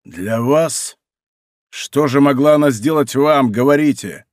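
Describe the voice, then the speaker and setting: A man voicing a relentless, vengeful young man disguised as a monk, who interrogates coldly and then shouts accusations. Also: mid-range voice, unhurried, dry recording, clean studio sound, close to an everyday voice. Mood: probing. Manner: probing, then harsh and commanding.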